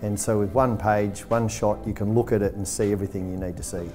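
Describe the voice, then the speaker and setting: A middle-aged man, a dairy and sheep farmer speaking in a measured way in an office interview. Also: on the low side, fairly even intonation, darkish tone, faint music behind. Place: office meeting room.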